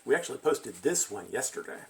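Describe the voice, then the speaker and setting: A woman's voice: rumbling low, big pitch swings, fast. A woman sidekick trading jokes with a vlogger in casual, teasing banter. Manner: wisecracking, teasing. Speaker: co-host sidekick.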